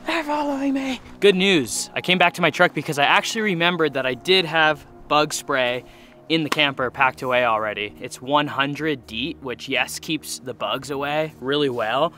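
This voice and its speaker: A young man chatting casually to his camera outdoors by a river, relaxed and self-deprecating. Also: fairly high pitch, normal speed. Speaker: vlogger. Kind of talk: casual outdoor vlog narration. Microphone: action camera, handheld or chest-mounted.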